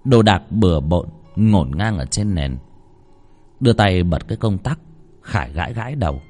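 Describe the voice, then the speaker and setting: Man narrating horror story, lively dramatic delivery, wide pitch swings, faint music behind. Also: normal speed.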